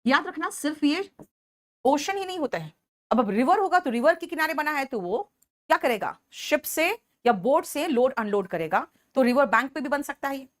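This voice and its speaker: A woman with a high voice teaches vocabulary for an upcoming exam in an animated way. She slows down to dictate English definitions and addresses the class as "beta."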